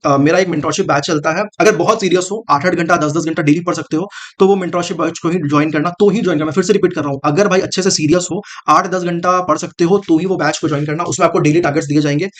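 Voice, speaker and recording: A man's voice: fairly high pitch, fairly even intonation, quick pace, few pauses. A man coaching students on exam strategy in a casual, direct way, repeating his points and calling the listener brother. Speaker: exam prep mentor. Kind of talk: casual coaching talk to camera.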